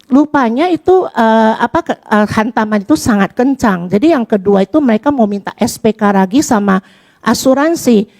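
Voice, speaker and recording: A woman's voice: a little high, darkish tone. A woman from Indonesia giving a personal testimony in a chatty storytelling way, acting out the dialogue. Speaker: church member giving testimony.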